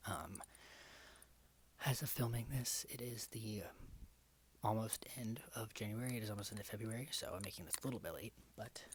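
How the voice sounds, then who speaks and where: A camera-shy man at home talking quietly in a whispered ASMR-style book vlog, rambling and correcting himself as he goes. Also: lowish voice, noisy background. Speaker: book vlogger. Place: home, indoors. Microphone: desk microphone in front of a camera.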